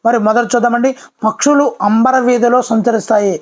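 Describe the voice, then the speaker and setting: A teacher talks through an exam-prep lesson in voice-over at a brisk clip. Key words come twice, and viewers are addressed politely throughout. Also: mid-range voice, steady tone.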